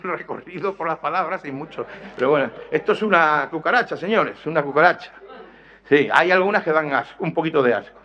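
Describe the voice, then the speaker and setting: A man giving an academic lecture to an audience, explaining carefully, correcting himself and asking rhetorical questions. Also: on the high side. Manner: explanatory, with restarts and apologetic self-corrections. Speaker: conference lecturer. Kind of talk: academic lecture on dialect words. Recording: dull, lo-fi lecture recording.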